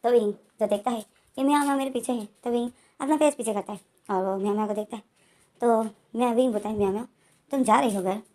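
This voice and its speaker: Mellow-voiced woman retelling a story. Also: fairly high pitch, fairly even intonation, quick pace. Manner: rambling, with many "to phir" links and "uh" fillers.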